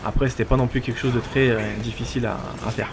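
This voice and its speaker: A man's voice: mid-range voice, level tone, fast talker. A man giving casual, explanatory video game commentary, often asking questions and answering them himself. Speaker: let's player. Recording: loud game music behind.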